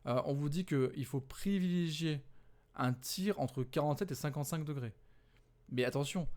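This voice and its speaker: A man, maybe a young teacher, explains exam answers in a loose, chatty voice at an ordinary middle pitch. He stumbles, backs up and fixes his own words as he goes, with plenty of fillers. He sounds a little tired, like he is working late into the night. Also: darkish tone. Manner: conversational, many fillers and self-corrections. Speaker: physics teacher. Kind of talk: casual exam walkthrough.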